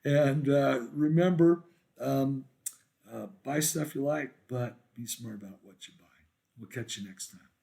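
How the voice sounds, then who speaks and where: A man hosting a coin collecting video who talks haltingly with many fillers, his voice nasal after an illness. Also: medium pitch, creaky, warm tone. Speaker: coin channel host. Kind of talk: casual spoken coin video.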